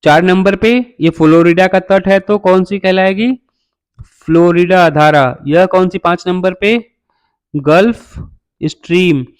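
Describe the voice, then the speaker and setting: A man's voice: high voice, steady tone, normal speed, smooth, no room sound. A man teaching a geography lesson over a map, quizzing his listeners and answering himself, repeating each name by number and calling listeners brother. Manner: repetitive, drills names by number.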